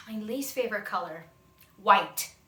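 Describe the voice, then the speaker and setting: A young adult woman, a voice actor, giggles through a casual vlog Q&A, answering fan questions in a bubbly, self-deprecating manner. Her medium-pitched voice is bright and forceful, with lively intonation and a slow delivery. The room echoes and music runs underneath.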